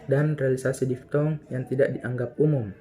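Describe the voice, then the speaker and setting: A young man giving a class presentation, slowing down carefully to pronounce example words. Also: medium pitch, fairly even intonation, warm tone. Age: young adult. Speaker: student presenter.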